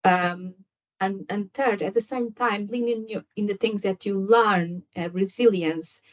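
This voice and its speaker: Speaking a little slowly at a medium pitch, a woman guest on a nursing podcast gives lengthy replies with frequent fillers and restarts. She is a nurse from Angola whose first language is Portuguese. The audio is somewhat dull and lo-fi.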